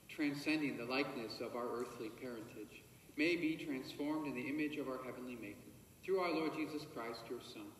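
A man leading Mass as priest, speaking formal liturgical prayers in a measured, intoning way in a large church sanctuary. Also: medium pitch, far from the mic, slight background noise. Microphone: distant camera microphone. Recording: echoey church captured from afar.

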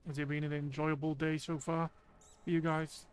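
A man giving casual live gameplay commentary with a friend, monotone and deadpan, swearing as he jokes. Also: on the high side, normal speed, clear, resonant tone. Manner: monotone, deadpan, profane joking. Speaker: video game streamer. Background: zombie game sounds.

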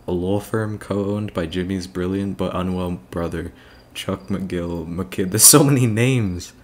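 A man's voice: low-pitched, a little hiss or hum. A young British man on a livestream, reading a long text aloud, tripping over names and breaking off for wry, self-mocking asides. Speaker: streamer.

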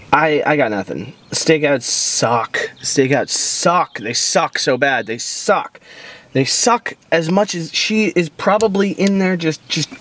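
A man playing a drunk, weepy, heartbroken amateur detective who rambles and swears in a parked car, slightly high voice with a lively, swooping delivery. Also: slight background noise. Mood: bitter jealous. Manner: rambling, crude and self-pitying, swearing often. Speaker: comedy web host playing a detective. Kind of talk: improvised comedy monologue.

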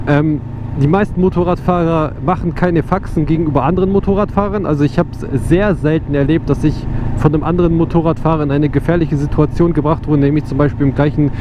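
A young man chatting casually and reflectively as a motovlogger while riding, in informal speech. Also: on the high side. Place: outdoors on a motorcycle on open roads. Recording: muffled helmet recording with loud engine noise. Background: engine, wind and road noise.

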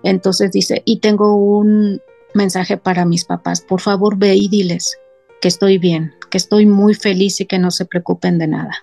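A middle-aged woman tells a deeply personal family story as an interview guest. Her voice has a rough, gravelly texture, and she brings each scene to life by voicing what her relatives said. Soft music plays faintly behind her. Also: steady tone, moderate pace. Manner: retells scenes by quoting family in her own voice.

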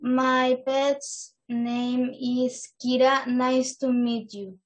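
A woman's voice: high voice, flat delivery, very slow, low-quality recording. A young girl student carefully reciting lines of an English practice dialogue.

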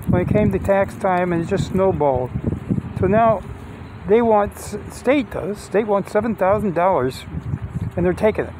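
A little hiss or hum runs under this older man's high voice and dark tone as he records a casual vlog with his phone held near. He wanders from thought to thought, restarts often, and does arithmetic aloud, first in a park, afterward in a van.

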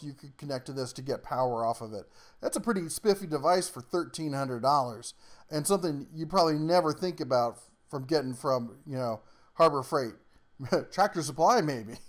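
Folksy rambling man, higher pitch. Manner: folksy, rambling, chuckles often; down-to-earth workshop slang. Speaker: tool review channel host. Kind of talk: casual product rundown.

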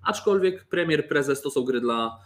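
A man's voice: on the high side, expressive, a little slow, slight background noise. A man casually presenting board games, joking and often restarting his sentences. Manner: chatty, joking, with fillers and restarts. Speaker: toy company presenter.

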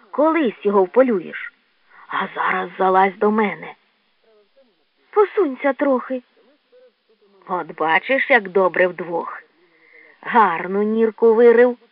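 A woman voicing a timid, gentle young male raccoon who talks softly and slowly. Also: medium pitch, no echo. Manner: soft, hushed and slow. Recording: tinny lo-fi dry recording.

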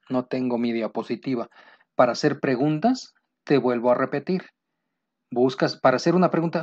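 Male teacher, slightly high voice, patient drill-style explanations, slightly muffled recording. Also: a little mellow. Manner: repeats and drills examples, asks rhetorical questions. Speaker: English teacher. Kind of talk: classroom grammar lesson.

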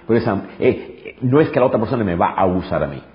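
Animated male pastor preaching emphatically. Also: lowish voice, quick pace. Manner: emphatic preaching with repetition and rhetorical questions. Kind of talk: sermon. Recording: dull lo-fi recording.

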